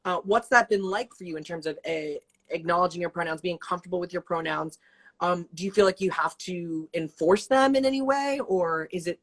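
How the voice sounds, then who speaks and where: Over a video call, a woman in her twenties hosts a casual interview, her voice fairly low and fairly quick. She asks her questions with plenty of fillers, sounding affirming and thoughtful.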